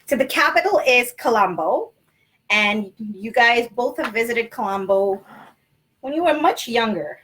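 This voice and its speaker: A woman's voice: on the high side, expressive, unhurried, fairly bright tone. A woman from Sri Lanka, a mother in her thirties, patiently quizzing her young children in a casual home livestream lesson. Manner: patient, asks kids questions. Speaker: parent hosting a livestream lesson. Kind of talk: casual teaching chat with children. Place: small city apartment.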